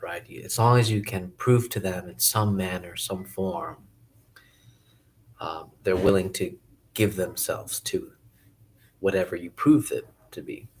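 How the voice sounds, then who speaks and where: A man musing casually to camera about philosophy, hesitant and thinking aloud with many pauses and restarts. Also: deep voice. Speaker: video essayist.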